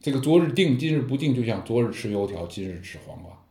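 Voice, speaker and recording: A man gives a dharma talk on Zen stories, his voice mid-pitched and swinging up and down with lots of expression. He keeps asking his listeners rhetorical questions as he tells the tales. The sound rings in an echoey room. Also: fast, gravelly. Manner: lively storytelling with rhetorical questions. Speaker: Buddhist teacher.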